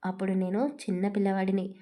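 A woman's voice: medium pitch, steady tone, brisk, dark tone, lightly acted. A woman reading the lines of a stern, vengeful young husband in a storybook, speaking firmly and commandingly. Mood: cold. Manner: commanding, cold, firm.

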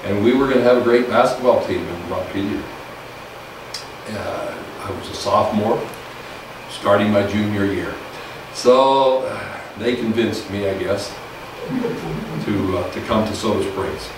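Speaking loudly and folksily to a small meeting-room audience, this Idaho man in his sixties is a guest speaker who teaches government. His lowish voice moves a little slowly. The audio is echoey and hissy, captured by a distant camera mic with his podium mic heard from afar.

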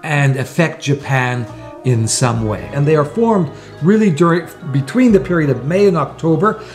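A man's voice: fairly high pitch, moderate pace, soft background music. A man in his sixties talking to camera from a small room at home, explaining things earnestly point by point as a sailing vlogger. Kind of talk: to-camera vlog talk.

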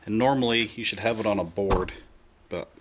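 Man, low voice, plainspoken casual demo, hiccups, audible background noise, camera mic. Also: fairly quick. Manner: plainspoken, rambling, self-interrupting. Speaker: hobbyist reloader. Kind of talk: casual how-to demonstration.

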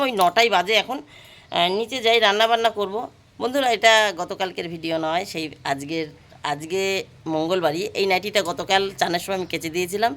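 A woman's voice: mid-range voice, a bit bright. A woman chats to viewers as her friends, narrating her morning on a phone camera at home. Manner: chatty, addresses viewers as friends while doing chores. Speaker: vlogger. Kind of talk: casual daily-life vlog narration. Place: home rooftop garden and kitchen.

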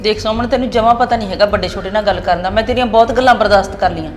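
A woman's voice: medium pitch, rapid-fire, echoey room, faint music behind. A young woman playing an indignant, complaining daughter-in-law in a family skit.

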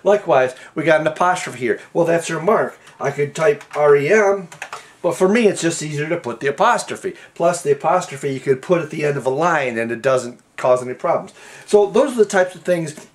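A man's voice: on the high side, expressive, brisk. A man hosting a casual programming lesson, walking through code in a folksy, rambling way with frequent restarts and fillers. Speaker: programming tutorial host. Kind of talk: casual screen-recorded coding lesson.

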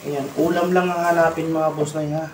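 A man with a Filipino accent hosting a casual cooking vlog, chatting and giving shout-outs to viewers while he stirs a pan. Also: on the high side, flat delivery, moderate pace, a little hiss or hum. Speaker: cooking vlogger. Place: home kitchen, indoors, at a stove. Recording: roomy kitchen with loud sizzling and clattering pans.

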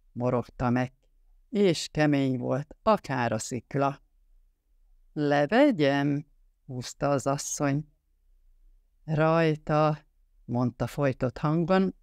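An audiobook reader giving a measured, even narration of a novel. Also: medium pitch, no room sound, studio quality.

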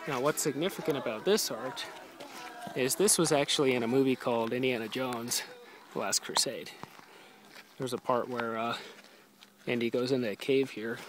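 A man's voice: medium pitch, noisy background. A young man casually vlogging a hike into a handheld camera, joking and offhand. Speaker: vlogger filming a hiking trip. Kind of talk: casual vlog narration. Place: outdoors at a busy scenic lookout. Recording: busy crowded outdoor spot.

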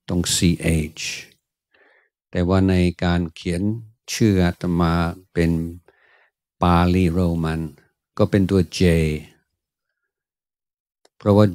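A Buddhist monk answering questions in a Dhamma talk, thoughtful and unhurried, pausing often with drawn-out "ah" sounds. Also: male voice, low-pitched, a little mellow, dry recording. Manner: slow, thoughtful, many drawn-out "ah" pauses.

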